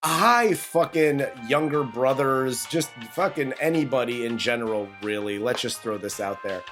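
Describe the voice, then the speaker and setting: A man's voice: medium pitch, normal speed, music in the background. A man co-hosting a casual movie review podcast, ranting and swearing in a rambling way. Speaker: podcast co-host.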